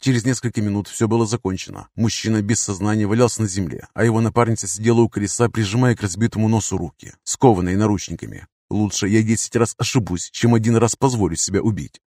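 A man with a lowish voice reading an audiobook in the first person. His manner is wry and cynical, steady and matter-of-fact. The recording is dry and close, with no room sound. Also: fast, hardly any pauses, dry recording. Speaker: audiobook narrator.

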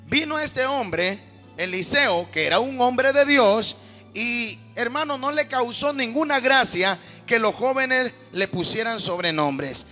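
A man's voice: very high-pitched, sharp tone. A man preaching a sermon, emphatic and constantly addressing his congregation. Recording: reverberant hall with music underneath.

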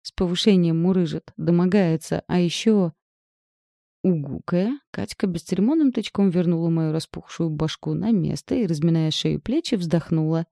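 A woman narrating a first-person story in a lively, expressive reading. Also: lowish voice, normal speed, gravelly, no echo, clean studio sound. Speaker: audiobook reader.

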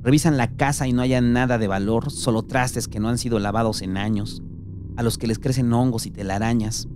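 A man's voice: medium pitch, steady tone, a little fast, background noise. A man with a Mexican accent reading a gritty, slang-heavy story aloud. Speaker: narrator.

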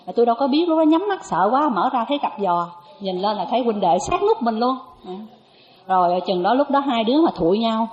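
A woman, a Buddhist nun, giving a dharma talk to an audience. She tells a personal story with lively, animated delivery and acts out the dialogue. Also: a little high, brisk. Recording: echoey, dull lo-fi recording.

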